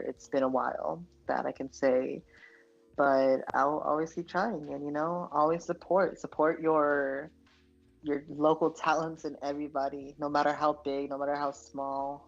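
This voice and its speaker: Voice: medium pitch, gravelly, dull audio. A guest poet from the United States talking earnestly in a casual interview, with many fillers and restarts.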